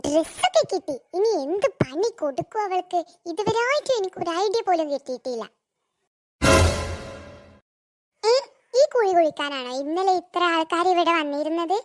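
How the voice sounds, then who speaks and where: Woman doing a very high, scheming cartoon girl. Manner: plots aloud, wails and whines. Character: scheming mischievous young girl prankster.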